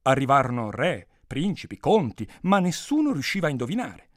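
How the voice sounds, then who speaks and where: A man narrating a folk tale with animated, dramatic storytelling. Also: mid-range voice, brisk, no echo, clean studio sound.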